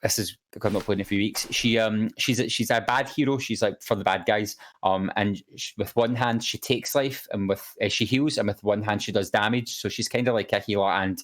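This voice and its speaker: A man's voice: on the low side, steady tone, brisk, few pauses, a bit bright. A man co-hosting a casual podcast, reading viewer comments aloud with many fillers and restarts. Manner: hesitant, many fillers and repeated words. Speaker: co-host reading chat.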